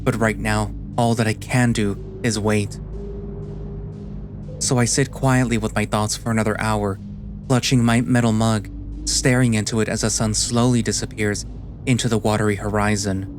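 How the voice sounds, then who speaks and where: A man playing a weary, guilt-ridden animal sailor, narrating a first-person story in a quiet, subdued, slow and deliberate way. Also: fairly low pitch, level tone, music in the background, lightly acted. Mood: brooding, weary.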